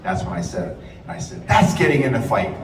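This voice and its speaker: A man's voice: medium pitch, very animated, fast, a little hiss or hum. A man giving a fiery live speech, blunt and profane, telling heated stories. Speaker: rally speaker. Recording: echoey hall, distant mic.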